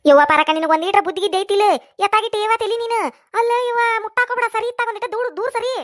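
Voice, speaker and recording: A woman voicing an excitable gossiping village woman with a North Karnataka Kannada accent, in a cartoon. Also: extremely high pitch, very fast, dry recording, clean studio sound.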